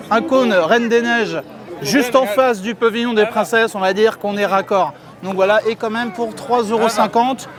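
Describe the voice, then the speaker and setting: A middle-aged man chatting to viewers as his friends while walking through a theme park for his vlog, filmed on a handheld camera. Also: high voice. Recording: outdoor crowd and faint music behind.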